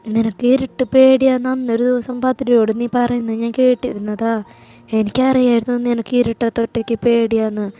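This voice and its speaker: A woman's voice: on the high side, little pitch movement, a little fast, warm tone, soft background music, lightly acted. A woman voicing a remorseful young woman who pleads tearfully in a story reading. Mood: tender. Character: guilt-ridden young woman, older sister figure.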